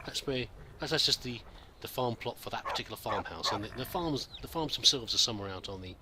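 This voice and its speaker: A man's voice: medium pitch, lively intonation, fast talker, very noisy. A man giving casual, rambling game commentary, musing aloud hesitantly and politely as he plays. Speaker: gamer narrating a roleplay playthrough.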